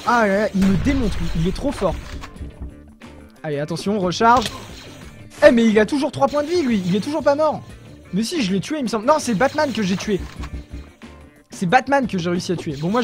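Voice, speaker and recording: Excitable gamer man, very high voice, live play-by-play over faint music. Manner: excitable, reacting loudly to the game. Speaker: gaming YouTuber. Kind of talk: Minecraft gameplay commentary.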